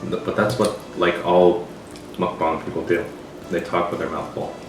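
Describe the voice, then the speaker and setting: Male home cook, low and relaxed, dry humor, eating chat, echoey kitchen, mic far off, pots and pans behind. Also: normal speed, background noise. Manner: relaxed, dry, talks between bites. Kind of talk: casual eating vlog chat. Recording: echoey kitchen, mic at a distance, clattering dishes.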